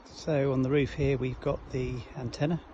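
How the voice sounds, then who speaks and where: With a warm mid-range voice, little pitch movement and a moderate pace, a man presents an informal DIY walkthrough for a boat fitting shop's how-to videos. He is on a small cabin motorboat, sometimes pausing hesitantly to find words as he works, and the lo-fi camera sound is dull with faint noise.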